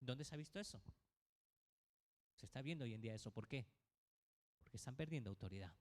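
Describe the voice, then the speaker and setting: A man's voice: medium pitch, lively intonation, brisk. A male pastor preaching a sermon to his congregation, asking many rhetorical questions. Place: church. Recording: reverberant church hall.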